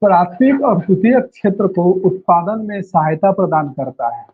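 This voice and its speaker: A man's voice: sits high, very animated, normal speed, breathy edge. A male teacher giving an online class lecture, repeating key phrases and firing questions at his students. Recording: tinny lo-fi phone-like audio.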